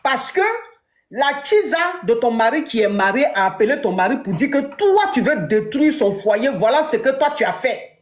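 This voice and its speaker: A woman coach talking through a caller's story, animated and acting out the lines of the people in it. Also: fairly high pitch, moderate pace, reverberant. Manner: animated, acts out dialogue. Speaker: relationship coach host. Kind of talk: casual advice talk.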